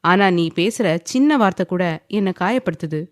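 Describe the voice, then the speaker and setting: A woman voices a domineering, possessive young man who speaks firmly and commandingly, occasionally teasing. Her voice is mid-range and close to everyday, with lively intonation at a normal speed, recorded with studio quality and no room sound.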